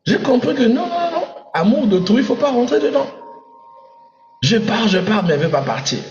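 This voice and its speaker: A man preaching a lively sermon, playful and animated, acting out little scenes as he goes. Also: extremely high pitch, fast talker, background noise. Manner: animated, playful, acts out voices in his stories. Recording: echoey hall, dull sound, faint music.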